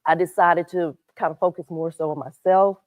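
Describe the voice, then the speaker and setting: A woman's voice: on the low side, fairly even intonation, normal speed, no room sound. A woman in her fifties, a fitness coach and talk show guest, speaking enthusiastically with plenty of ums. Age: 50s. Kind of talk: casual interview chat. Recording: tinny phone-like sound.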